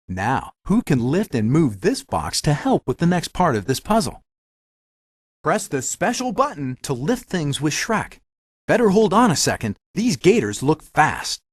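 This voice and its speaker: A man's voice: a little high, dry recording, studio quality. A man voicing a helpful magic mirror, a theatrical fairy-tale guide giving scripted, instructive video game hints. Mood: urgent warning.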